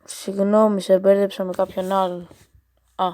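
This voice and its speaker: A woman's voice: mid-range voice, flat delivery, dark tone, no room sound. A female gaming channel host chatting casually and reading out a chatbot's replies, with playful, teasing, exasperated asides.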